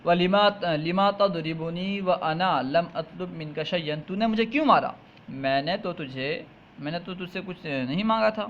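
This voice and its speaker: A man teaching a text lesson, reading each phrase aloud and then slowly explaining and repeating it. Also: a little high. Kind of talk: line-by-line Arabic text lesson with translation. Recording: muffled lo-fi with faint hiss.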